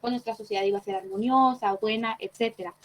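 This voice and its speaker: A woman's voice: a little high, fairly even intonation, fast talker, a little hiss or hum, low-quality recording. A woman teaching an online class, explaining patiently and checking in with short tag questions. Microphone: computer mic on a video call.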